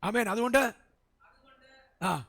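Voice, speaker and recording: Malayali pastor guy preaching, highish voice, goes soft then shouts, amen hallelujah every few lines. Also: slow, gravelly. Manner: animated preaching with frequent amens and hallelujahs; swings between soft asides and loud shouted peaks. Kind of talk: sermon. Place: church service.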